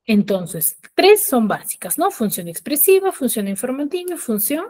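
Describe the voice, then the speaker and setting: A woman teacher giving an online class, explaining step by step and often checking with quick tag questions. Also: sits high, big pitch swings, darkish tone. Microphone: video call.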